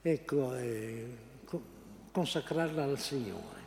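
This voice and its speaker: Slow-speaking priest giving a homily. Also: male voice, medium pitch, animated, vocal fry, a little mellow, reverberant, long reverb tail, a little hiss or hum. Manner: unhurried, halting, searching for words.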